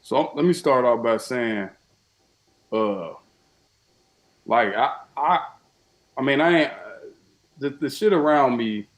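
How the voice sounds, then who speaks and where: A man's voice: mid-range voice, slow pace, pauses often. A young man from Chicago's South Side with a Chicago accent, chatting casually and profanely as a podcast guest. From Chicago, USA. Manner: laid-back, profane, repeats himself. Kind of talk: casual chat.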